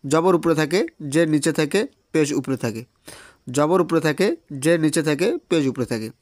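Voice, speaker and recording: A man teaching a beginners' Quran reading class, drilling letter sounds slowly, repeating each one and answering his own questions. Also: fairly high pitch, a little mellow, no room sound. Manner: drills sounds with slow repetition and call-and-response questions.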